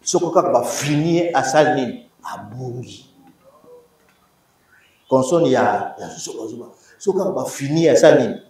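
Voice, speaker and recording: A man's voice: mid-range voice, lively intonation, measured pace, dark tone, slight background noise. A man lecturing at university, emphatic, repeating words and quizzing his students. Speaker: Hebrew teacher. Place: large echoey classroom. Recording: echoey room, distant mic.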